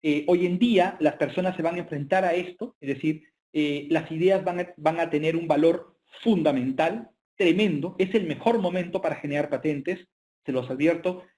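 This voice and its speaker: Man, fairly high voice, business lecturer, halting speech, frequent "eh" fillers. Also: a little mellow. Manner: hesitant, frequent filler sounds. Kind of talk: online business lecture with slides.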